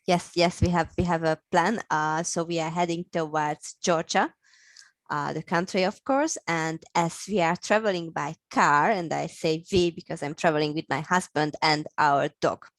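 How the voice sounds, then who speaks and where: A woman's voice: deep voice, moderate pace, dry recording. A woman from Hungary, speaking English with a Hungarian accent, explaining her work in an interview with many fillers and restarts. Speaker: guest, operations consultant. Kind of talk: interview answers.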